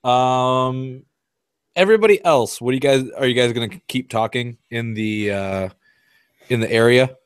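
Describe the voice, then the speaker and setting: A man's voice: mid-range voice, normal speed, smooth, no echo, clean studio sound. A man running a tabletop role-playing game, casual and a bit tipsy, often laughing and restarting his sentences. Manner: laughing, loose, stumbling restarts. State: tipsy from wine. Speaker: game master. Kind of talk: narrating a tabletop role-play.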